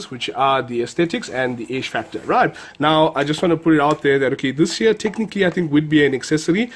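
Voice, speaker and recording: A man's voice: medium pitch, a little hiss or hum. Male hobby reviewer, South African accent, stuffy nose from a cold, upbeat, repeats himself. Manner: enthusiastic, repeats words, many fillers. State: nasal from a cold. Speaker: collectibles reviewer. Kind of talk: casual product review.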